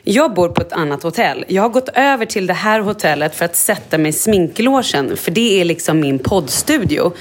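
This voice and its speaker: A woman co-hosting a podcast from a hotel makeup room, telling stories excitedly and acting out quoted dialogue in a casual chat. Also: lowish voice, few pauses, noisy background. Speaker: podcast co-host.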